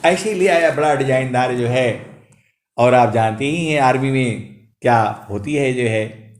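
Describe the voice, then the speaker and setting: Slow-talking preacher in his late fifties. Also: medium pitch. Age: late 50s. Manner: drawn-out sung recitation of couplets between anecdotes; chuckles while telling stories. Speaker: spiritual preacher. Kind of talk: storytelling sermon with chanted verses. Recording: echoey room.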